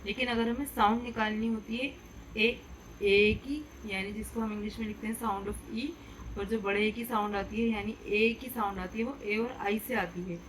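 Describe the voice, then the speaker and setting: A woman's voice: medium pitch, a little hiss or hum, low-quality recording. Patient woman teaching young children. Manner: patient, slow, explains step by step; drills letters aloud for children to repeat. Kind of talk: online kindergarten lesson.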